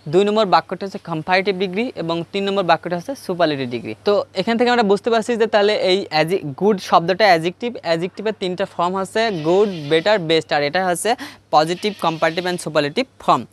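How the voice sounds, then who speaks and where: A man's voice: sits high, fast talker. Man teaching grammar at the board. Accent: Bangladeshi Bengali. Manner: explains step by step, asks rhetorical questions and answers them; repeats key points for emphasis. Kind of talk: classroom grammar lesson at a board.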